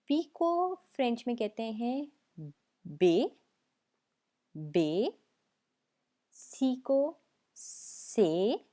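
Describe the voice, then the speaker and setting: A woman's voice: a little high, dark tone. A young woman teaching French letters as a patient tutor, saying each sound twice. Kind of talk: slow language lesson narration.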